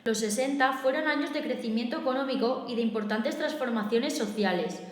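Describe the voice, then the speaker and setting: A female teacher with a Spanish accent reading a recorded review lesson in a steady, methodical way, listing points one by one. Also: fairly high pitch, fairly quick. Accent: Spain. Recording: echoey room with long reverb.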